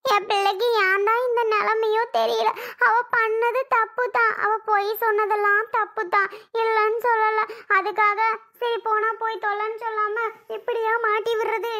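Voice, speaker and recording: A woman putting on a grieving old mother for a cartoon, her voice very high and bright as she wails and complains. She sounds tearful and wronged throughout. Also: brisk. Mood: tearful, aggrieved. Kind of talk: animated cartoon voice acting.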